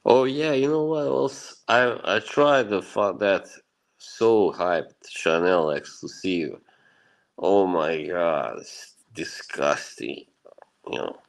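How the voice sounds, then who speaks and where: In a roughly recorded livestream, a Bosnian host chats casually with his viewers, rambling and reassuring them with frequent chuckles. His voice is low, slow, and creaky.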